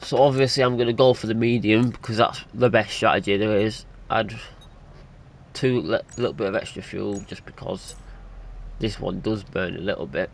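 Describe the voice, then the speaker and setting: A young gaming YouTuber, nasal from hay fever, commentates his racing game in a chatty, excitable, casual way. His voice is lowish and creaky at a moderate pace, in a noisy home recording.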